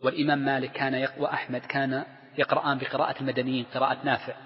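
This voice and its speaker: A man's voice: mid-range voice, flat delivery, racing. A man, a scholar, teaching a lecture on Islamic law, explaining step by step and putting rhetorical questions to his class. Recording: dull lo-fi recording with long hall reverb.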